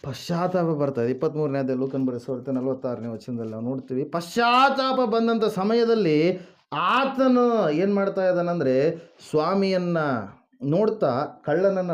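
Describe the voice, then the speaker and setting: A man's voice: sits high, highs cut off. A man preaching a sermon who keeps asking the congregation questions, answering them himself and calling out hallelujah and praise the Lord. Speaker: pastor.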